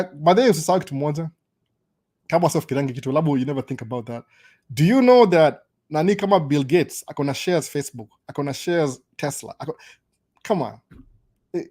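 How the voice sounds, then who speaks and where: A young man with a Kenyan accent talks quickly on a casual live stream, now and then tripping over his words and starting again. His voice is dark and mellow, pitched a little high for a man. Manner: mixes Swahili and English, stammers and restarts. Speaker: host.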